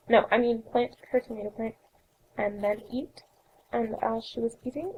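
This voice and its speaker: A young woman hosting a let's play, chatting through her gameplay with a raspy voice that has a cold in it and a rambling way of correcting herself. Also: a little high, phone-quality sound, slight background noise. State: coughing, sore throat. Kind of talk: casual gameplay narration.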